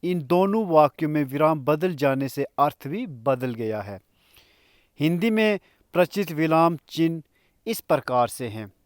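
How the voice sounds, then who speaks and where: Guy teaching a grammar lesson, talks real slow, a bit high, dry close sound. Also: lively intonation, no room sound. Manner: slow and explanatory, pausing between examples. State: coughing now and then.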